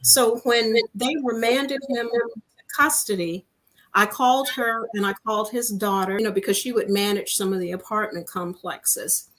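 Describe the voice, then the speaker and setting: A woman, an interview guest, telling a personal story in a lively way and often repeating "I said" as she recounts conversations. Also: mid-range voice, normal speed, low-quality recording. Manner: animated, repeats "I said" as she retells dialogue.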